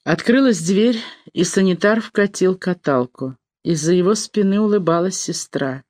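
An audiobook narrator reading a novel in a measured, even way. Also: mid-range voice, dry recording, clean studio sound. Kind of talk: scripted narration.

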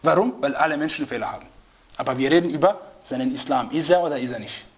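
On a muffled recording, a man with a slightly high voice talks fast while giving students a religious lesson. He stresses and repeats his key phrases, leans on rhetorical questions, and sometimes struggles to find words.

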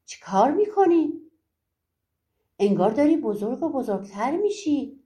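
A startled hunter crying out in a folk-tale audiobook, voiced by a woman narrator, his lines pitched up and pushed with worry. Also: big pitch swings, dark tone. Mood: alarmed. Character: brave male hunter, frightened.

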